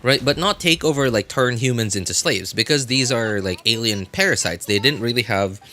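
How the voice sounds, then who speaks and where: This man, a game livestreamer, chats in a loose, rambling way, searching for words and circling back to repeat himself. He speaks at medium pitch with lively intonation, a sharp tone and a moderate pace, and there's a little hiss or hum.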